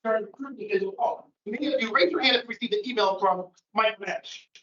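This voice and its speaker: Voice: mid-range voice, quick pace, bright, forceful tone, slight background noise. A recruiter speaking emphatically to an audience, checking in with "okay?". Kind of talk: casual public talk. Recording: echoey, muffled room.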